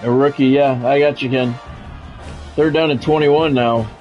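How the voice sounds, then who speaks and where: With a steady, medium-pitched voice, a man streams a football video game live, pairing blunt, casual comments with play-by-play. He repeats words and phrases as he goes, speaking haltingly. Faint music plays behind, and the highs are cut off.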